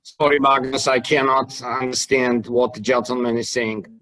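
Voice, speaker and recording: A man's voice: mid-range voice, little pitch movement, moderate pace, fairly bright tone, low-quality recording. A man working as an interpreter, giving a careful, polite live translation voice-over of a signed statement on a video call. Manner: polite, careful, reporting speech in third person.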